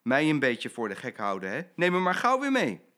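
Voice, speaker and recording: A man's voice: mid-range voice, wildly swooping pitch, fairly quick, pushed and bright. An older man voicing a mother who exclaims and scolds, in a children's story he reads aloud. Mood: exclaiming. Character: mother, easily startled, scolding.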